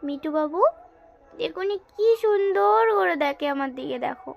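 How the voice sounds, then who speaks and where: A woman's voice: very high voice, normal speed, creaky. A woman vlogger talking to her pet in cooing baby talk, coaxing and sing-song, repeating herself.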